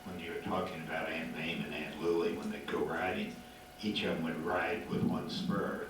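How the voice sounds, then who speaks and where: A man's voice: extremely low pitch, steady tone, moderate pace. An older man telling casual, folksy anecdotes about ranch life as he comments on old footage. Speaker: ranch old-timer narrating old film. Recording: very echoey, distant, loud background noise.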